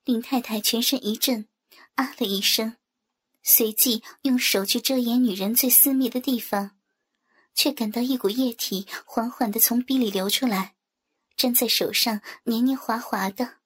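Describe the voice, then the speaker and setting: A woman narrating an audio story in a soft, even reading voice. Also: on the high side, moderate pace, breathy edge. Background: faint music.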